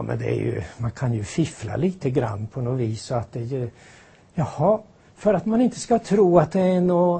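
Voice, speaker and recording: An older man preaching a sermon in a lively, conversational way, full of rhetorical questions and folksy asides. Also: on the high side, slightly rough.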